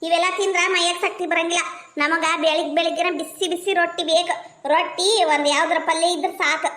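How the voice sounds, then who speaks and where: A woman with a North Karnataka Kannada accent, bantering quick-tongued in a village comedy skit. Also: extremely high pitch, little pitch movement, a bit bright, roomy sound. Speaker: comedy skit actor and channel host.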